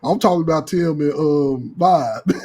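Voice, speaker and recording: A little high with a breathy edge, this American man's voice runs a bit slow. As a podcast host, he spins comic tales among friends, animated, profane and slangy, acting out quoted exchanges.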